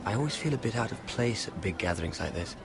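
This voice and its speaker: A man's voice: fairly low pitch, expressive, fast talker, gravelly, noisy background. An actor playing a shy, self-effacing nobleman in a video game, hesitant, polite and apologetic. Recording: music behind the voice.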